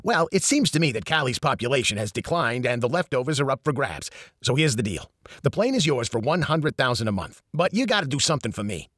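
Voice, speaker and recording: A man's voice: very animated, fairly quick, a bit bright, dry recording, studio quality. A man voicing a greedy, sleazy heavyset male gold dealer with a New York accent, pushing a hard bargain. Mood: scheming. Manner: pushy sales-pitch bargaining.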